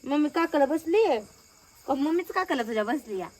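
A young village woman talks casually to the camera in a home vlog. Her voice sits high, and she keeps coaxing a small child with chatty, repeated questions. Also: lively intonation, brisk, a little mellow. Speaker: village vlogger.

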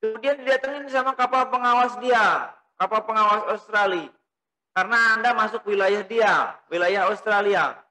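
A man's voice: high voice, normal speed, bright, forceful tone, poor audio. A middle-aged man giving a recorded lecture, explaining step by step and asking and answering his own questions, recorded indoors on a desk microphone. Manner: gestures while talking. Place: small indoor room. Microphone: desk mic on stand.

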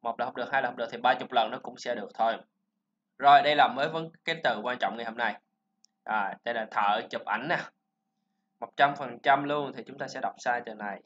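A man teaching a pronunciation lesson, explaining sounds and repeating words slowly for learners to copy. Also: mid-range voice, fairly bright tone, a little hiss or hum. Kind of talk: classroom-style pronunciation lesson. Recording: slightly dull lo-fi recording.

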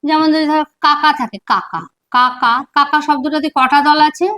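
A woman teacher giving a lesson at a board, speaking slowly and repeating syllables aloud to show how they sound. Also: high-pitched, little pitch movement, fairly bright tone. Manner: slow, repeats syllables to demonstrate pronunciation. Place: classroom with a board.

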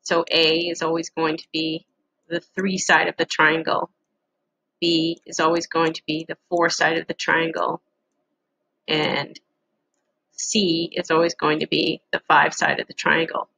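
Casting: female instructor, bright with vocal fry, casual halting walkthrough, slight background noise. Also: sits low, monotone, rough recording. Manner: casual, halting explanation with pauses. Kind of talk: screen-shared lesson walkthrough.

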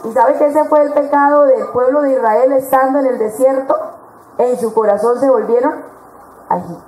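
Woman preacher, high voice, lively, acts out quoted voices, roomy church echo. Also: moderate pace. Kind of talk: sermon at a women's conference. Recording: echoey church hall.

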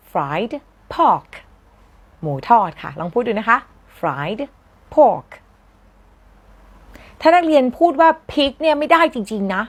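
A woman from southern Thailand giving a casual online English lesson, chatty and playful, repeating each word slowly for students to practice. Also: on the high side. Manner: playful, teasing asides. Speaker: English teacher.

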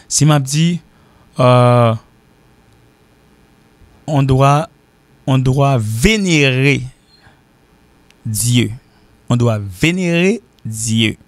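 A man from Haiti with a Haitian accent, teaching an informal language lesson and repeating example sentences slowly. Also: medium pitch, clean tone, no echo. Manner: repeats example sentences slowly, switching between French and Creole. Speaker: English teacher.

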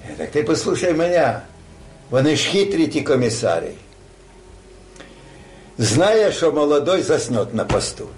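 A man's voice: on the high side, sing-song, a little slow, pauses often, a little mellow, soft background music. An older man telling a war story like a grandpa, rambling and colloquial, acting out dialogue. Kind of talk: casual oral war storytelling.

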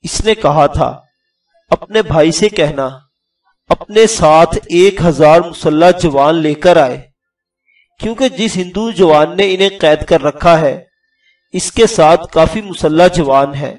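Sad hesitant younger brother, narrator putting it on, quiet subdued voice, a bit high, far off mic w/ faint music. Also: male voice, close to an everyday voice. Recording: distant voice, faint background music.

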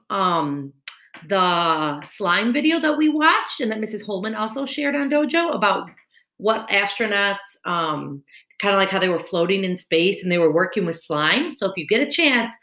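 At medium pitch and a normal pace, a woman in her thirties reads a children's story with expressive, teacher-like delivery aimed at young kids. The home recording, a screen-captured webcam video on a computer mic at webcam distance, sounds echoey and roomy.

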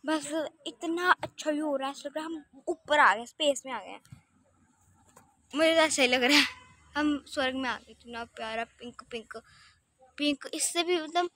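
A young woman with a slight lisp, gushing excitedly to her phone while vlogging from a rooftop terrace at sunset. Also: high voice. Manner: gushing, excited, mixes in English words. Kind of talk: casual vlog chat. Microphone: handheld phone.

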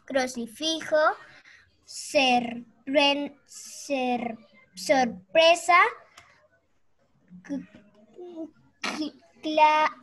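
A student with a bright, high voice works through a word list at a very slow pace. Each hard word is broken into syllables and tried again. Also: female voice. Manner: halting syllable by syllable reading. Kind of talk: reading word list aloud.

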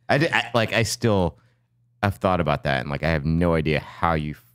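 A man with a very deep voice tells a rambling, profane story in casual podcast chat. His talk is loose and full of fillers. The mic is close and dry, with no room sound. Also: lively intonation, moderate pace, fairly bright tone, clean tone, no echo. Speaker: podcast co-host.

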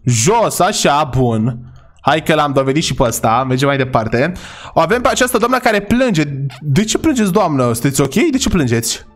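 A gaming YouTuber delivers casual, chatty commentary over his gameplay, his voice sitting a little high. He addresses viewers as his brothers and his boys and frequently yells with excitement at the game's characters.

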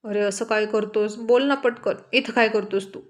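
A woman voicing a quick-tempered young woman who scolds and demands the truth in a spoken storybook. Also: medium pitch, fairly even intonation, lightly acted. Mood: suspicious. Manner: indignant, scolding.

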